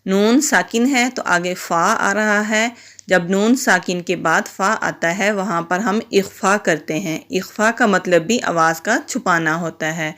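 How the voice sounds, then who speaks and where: A woman teaching Quran reading with an Urdu accent, spelling words out slowly syllable by syllable and then explaining the rules more briskly. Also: medium pitch, fairly bright tone. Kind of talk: spelled-out recitation lesson.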